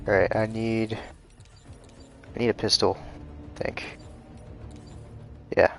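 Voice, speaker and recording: A low-voiced man with a gravelly edge to his talk narrates his gameplay live. He mutters and reacts with casual frustration. Faint game music plays underneath. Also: level tone, takes it slowly. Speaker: streamer playing a video game.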